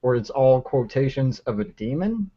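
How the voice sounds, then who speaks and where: A young man hosting a livestream. He rambles casually with plenty of ums and restarts. His voice sits at an ordinary pitch and comes through dull, lo-fi audio. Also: big pitch swings, normal speed, dark tone. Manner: rambling, with many fillers and restarts. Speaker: livestream host. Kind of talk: casual chat and dramatic reading.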